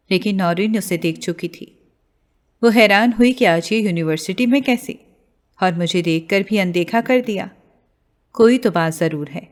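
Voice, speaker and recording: A woman narrating a romance novel in a steady, expressive reading voice. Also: on the low side. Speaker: audiobook narrator. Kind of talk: storybook narration.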